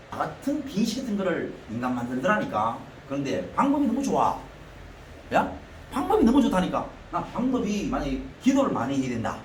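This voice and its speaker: A man's voice: on the high side, reverberant, far from the mic, a little hiss or hum, low-quality recording. A male pastor with a Gyeongsang accent preaching a sermon in a blunt, colloquial way, full of rhetorical questions. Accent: Gyeongsang (Daegu) Korean. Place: church sanctuary.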